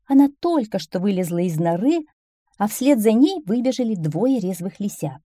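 A woman reads a children's fairy tale aloud in an expressive, animated way. Her voice is mellow and moves up and down a great deal. The recording is dry and close. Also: mid-range voice, moderate pace, dry recording. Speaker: storyteller. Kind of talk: children's story reading.

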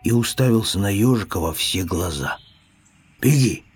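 A man reading a children's story aloud, narrating in a calm, even way. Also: fairly low pitch, normal speed, slightly rough. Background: faint music.

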